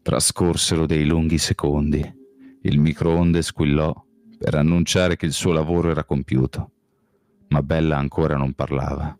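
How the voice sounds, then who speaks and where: Very deep-voiced man reading a novel. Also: level tone, moderate pace, a little mellow, no echo. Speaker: audiobook reader. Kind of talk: first-person novel narration.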